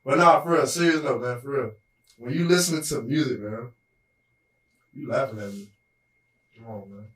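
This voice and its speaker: A man's voice: mid-range voice, normal speed, long pauses, a bit bright. Laid-back young man saying "bro". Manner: laid-back slang, "bro" and "you feel me". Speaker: podcast co-host. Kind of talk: casual chat. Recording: roomy echo, distant mic.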